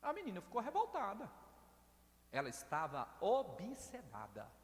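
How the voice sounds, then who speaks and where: A man's voice: high-pitched, wildly swooping pitch, measured pace. A man from Brazil, preaching an evangelical sermon and telling stories to his congregation, whom he calls brothers. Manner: storytelling, addresses congregation as brothers. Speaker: pastor. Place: church service hall. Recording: long church-hall reverb.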